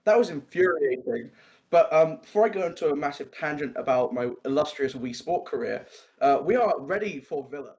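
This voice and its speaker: Chatty male esports caster, bit high. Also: animated, brisk, darkish tone. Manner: chatty, goes off on tangents. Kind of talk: live esports commentary.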